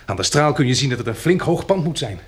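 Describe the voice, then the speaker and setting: A calm, reassuring mood marks this radio drama performance, in which a male actor with a mid-range, slightly rough voice plays a practical survivor. He reasons in a measured way and comforts others as a tender protector would.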